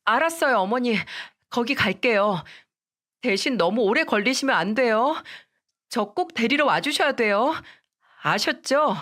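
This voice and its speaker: A woman's voice: a little high, lively intonation, measured pace, fairly bright tone, pitched above the performer's own voice. Woman voicing a begging young daughter-in-law. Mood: pleading. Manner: pleading, begging. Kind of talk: radio story acting.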